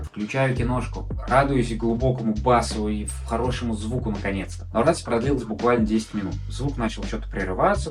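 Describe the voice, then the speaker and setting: A man with a mid-pitched voice talks casually through a tech review, with faint music behind him. His wording is colloquial and full of complaint, like someone venting to viewers. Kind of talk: casual spoken product review.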